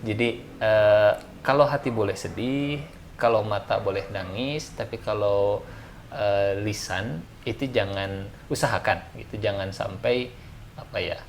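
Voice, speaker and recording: A man with a fairly low, unhurried voice and vocal fry delivers an informal religious talk as an ustadz. He chats, laughs often, and fills his speech with fillers over slight background noise.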